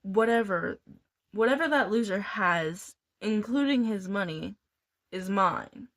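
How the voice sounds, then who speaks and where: Woman doing a bossy twelve-year-old girl, nasal, blunt, fierce, slow, firm. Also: mid-range voice, lively intonation, a bit bright.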